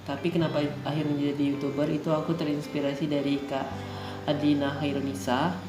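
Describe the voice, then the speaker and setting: A man in his twenties from Indonesia, hosting a relaxed reaction video chat. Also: fairly high pitch, a little fast, roomy sound, over music. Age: 20s. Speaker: channel host.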